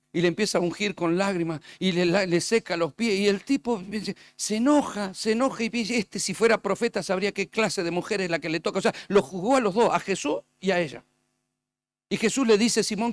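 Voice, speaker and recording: A man's voice: high-pitched, no echo. A man preaching a sermon as pastor, telling stories and acting out the dialogue.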